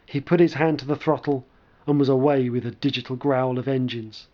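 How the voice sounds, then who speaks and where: A man narrating a scripted story in a measured, dry storytelling manner. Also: mid-range voice, fairly even intonation, highs cut off.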